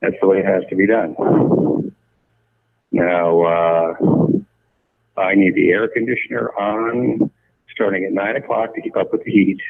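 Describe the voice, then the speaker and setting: A man leaving a rambling voicemail full of repeats and "uh" fillers, played back on a speakerphone held up to the mic. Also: deep voice. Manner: rambling, repetitive, many "uh" fillers. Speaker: voicemail caller. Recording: tinny muffled phone speaker.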